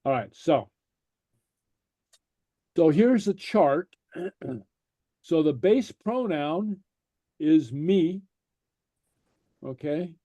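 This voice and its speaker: Guy teaching a class, slow and patient, keeps saying okay, dry close mic. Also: on the high side, expressive, mellow, dry recording. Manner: patient, repeats "okay?" after each point, many fillers. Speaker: language teacher. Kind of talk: slow explanatory class lecture.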